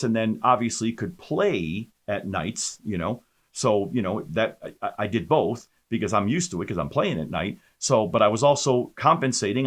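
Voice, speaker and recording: A man, a pastor, telling his personal testimony in an animated storytelling way, with many fillers and restarts. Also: medium pitch.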